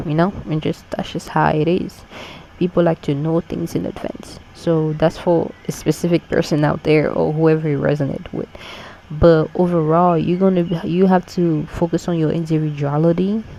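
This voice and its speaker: Casual tarot reader, unhurried and repetitive, with a gravelly, warm tone and faint background noise. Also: medium pitch, low-quality recording. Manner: loose and conversational, full of "you know" and "okay?"; relaxed, unhurried, repeats key phrases. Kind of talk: casual monthly tarot reading to camera.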